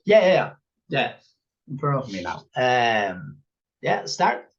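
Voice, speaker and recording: Slow Spanish-accented man, dull audio. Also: medium pitch, big pitch swings, gravelly, breathy edge. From Spain, Barcelona. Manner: halting, simple non-native English with frequent laughs. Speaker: guest musician. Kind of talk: casual interview.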